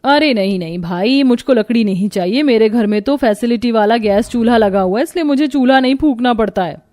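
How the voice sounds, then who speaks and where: A woman's voice: on the high side, fairly quick, a little mellow, dry recording, close to an everyday voice. A woman voicing a rich, haughty woman who speaks dismissively, in storybook acting.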